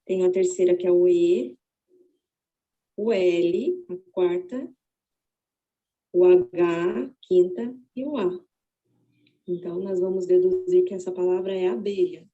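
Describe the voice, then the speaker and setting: A Brazilian woman teaching, walking slowly and methodically through a braille word activity and thinking aloud as she searches. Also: fairly low pitch, steady tone, warm tone, muffled recording. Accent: Brazilian Portuguese. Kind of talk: step-by-step spoken demonstration.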